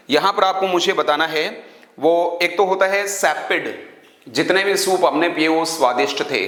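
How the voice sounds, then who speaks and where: A man's voice: fairly high pitch, a bit bright, roomy sound. A man teaching English vocabulary to exam students, explaining words through memory tricks and asking questions he then answers himself. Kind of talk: online class teaching.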